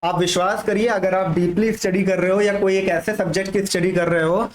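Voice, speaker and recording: A man a fairly high voice teaches a general studies lesson for exam students while marking up a map. He stretches out the key names slowly and keeps checking in his listeners. A light hiss of background noise sits under the recording. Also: fairly even intonation. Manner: repetitive, checks in with "thik hai" constantly; drawls key terms slowly.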